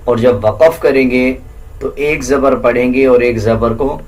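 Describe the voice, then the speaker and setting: A man teaching tajweed, explaining the pronunciation rules in a plain, instructive way and then chanting verses slowly in a higher, melodic voice. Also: fairly even intonation, a little mellow. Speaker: Quran recitation teacher.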